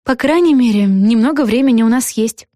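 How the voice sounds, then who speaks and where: A woman's voice: a little high, brisk, mellow, no echo, studio quality, pitched above the performer's own voice, lightly acted. A woman doing an offhand witch girl. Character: laid-back teenage witch girl.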